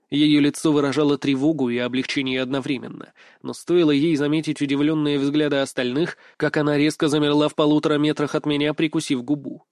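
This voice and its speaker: A male narrator reading a first-person story in a steady, expressive manner. His voice sits a little high for a man. The recording is dry and close, with no room echo. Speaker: audiobook narrator.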